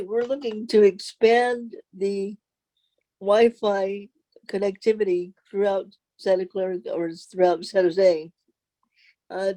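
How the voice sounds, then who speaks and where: Woman presenting in a mellow voice. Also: mid-range voice, poor audio. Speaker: committee presenter. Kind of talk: committee presentation.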